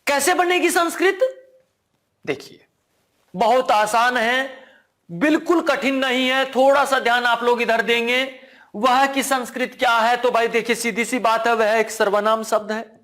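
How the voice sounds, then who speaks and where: Lively, slow-speaking Hindi-accented male teacher. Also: very high voice. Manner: repeats key words as questions to the class; asks the class "ठीक है ना?" again and again. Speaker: Sanskrit teacher. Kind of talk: online exam-prep lesson.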